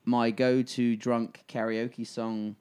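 A man's voice: medium pitch, flat delivery, takes it slowly, darkish tone, clean tone. A man in his fifties with an Alabama Southern accent, chatting casually on a podcast. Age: 50s. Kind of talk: casual chat.

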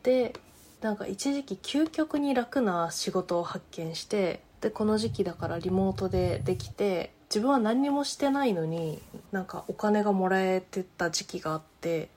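A woman hosting a casual chat, asking questions in a relaxed way and laughing often. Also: medium pitch, moderate pace. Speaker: host.

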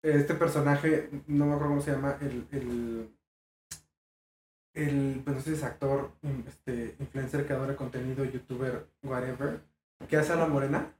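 A woman hosts a casual chat, breaking her sentences with hesitant fillers. Her voice is very low. Echo fills the room, with faint noise behind her. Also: steady tone, moderate pace, darkish tone, recorded from a distance. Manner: supportive listener, short backchannels, hesitant fillers.

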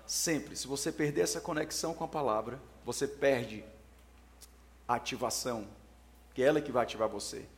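A pastor in his forties preaching a sermon, moving between loud emphatic declarations and quiet, soft-spoken asides. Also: mid-range voice, vocal fry.

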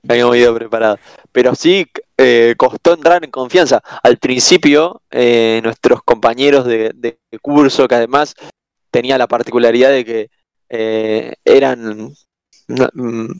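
Argentine man, guest in a relaxed chat; halting delivery, mid voice, dry close sound. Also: medium pitch, creaky, no echo. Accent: Argentine Spanish. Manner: hesitant, many pauses and restarts. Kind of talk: casual conversation.

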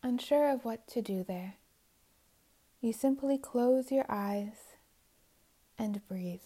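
A woman guiding a meditation in a soft, soothing voice, often drifting into whispers. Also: on the high side, slow. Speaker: meditation guide. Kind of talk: guided meditation narration.

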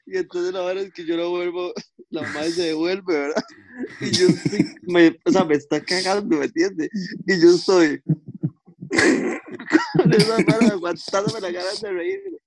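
A man's voice: high-pitched, normal speed, low-quality recording. A young man with a Costa Rican accent, telling a funny anecdote in casual podcast chat. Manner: lively anecdote telling, slangy. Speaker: podcast co-host.

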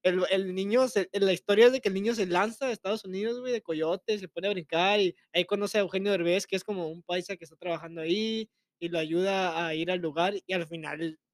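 A man's voice: high voice, steady tone, brisk, no echo. A young man with a Mexican Spanish accent co-hosting a casual podcast chat, teasing and slangy, laughing often. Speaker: podcast co-host.

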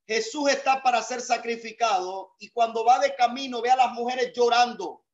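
A male pastor preaching a sermon over a video call, emphatic and swelling into shouts. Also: very high voice, normal speed, lo-fi sound.

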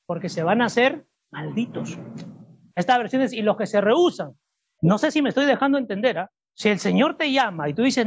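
Husky-voiced man preaching emphatically. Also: sits high, highs cut off. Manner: emphatic, asks the congregation rhetorical questions. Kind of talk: sermon. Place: church service before a congregation.

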